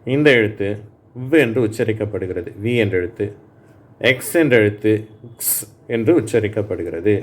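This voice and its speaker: A man's voice: on the low side, moderate pace, pauses often. Patient man teaching phonics. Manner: calls out sounds for learners to repeat; patient, plain explaining. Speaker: English reading teacher. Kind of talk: slow classroom phonics drill.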